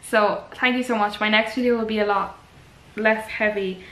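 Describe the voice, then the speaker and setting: This woman's mid-range voice is steady and fairly bright, moving at a normal speed. As a young vlogger in a casual chat, she gives the camera earnest, rambling advice sprinkled with fillers, and the recording has an echoey room sound.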